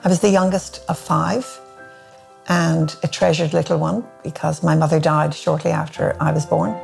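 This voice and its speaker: Low, gravelly-voiced Irish woman. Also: flat delivery, moderate pace, over music. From Ireland. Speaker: interviewee. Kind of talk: personal testimony.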